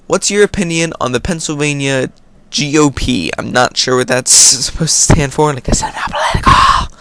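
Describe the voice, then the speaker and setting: Reading out viewer questions and then answering them casually, this American man hosts a laid-back Q&A video. He has a medium-pitched, somewhat bright voice, recorded dry.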